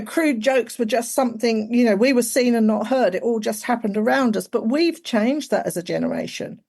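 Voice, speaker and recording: A woman's voice: mid-range voice, darkish tone. A woman, chatting casually as a podcast guest, full of "like" and "you know". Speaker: guest, executive coach.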